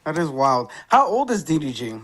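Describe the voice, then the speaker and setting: A man in his twenties, a comedian who is the guest, chatting casually over a video call with short, relaxed replies. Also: a little high, moderate pace. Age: 20s. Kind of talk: casual online chat.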